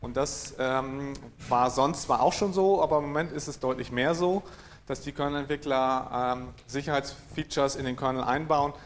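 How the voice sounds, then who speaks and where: Throat-clearing man giving a tech talk. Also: mid-range voice, normal speed, slight background noise. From East Frisia, northern Germany. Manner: hesitant, many fillers, frequent throat clearing, dry. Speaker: conference speaker. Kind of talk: technical conference talk. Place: lecture room at a conference.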